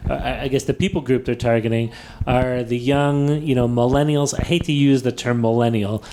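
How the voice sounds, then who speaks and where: A man's voice: mid-range voice, fairly even intonation, moderate pace, dark tone. A man hosting a tech podcast in casual chat, thinking aloud with many fillers and restarts, laughing easily. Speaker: podcast host.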